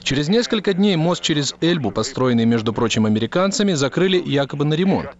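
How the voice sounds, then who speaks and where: A man's voice: a little high, sing-song, fast talker. Man reading a radio documentary. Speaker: radio program reader. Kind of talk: scripted documentary narration. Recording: slightly muffled radio broadcast.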